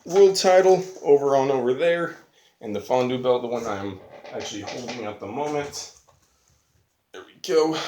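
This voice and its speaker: This online reviewer has a mid-range, slightly mellow voice and talks casually off the cuff, rambling with enthusiasm in everyday slang. His phone camera captures the room's echo along with a faint hiss or hum.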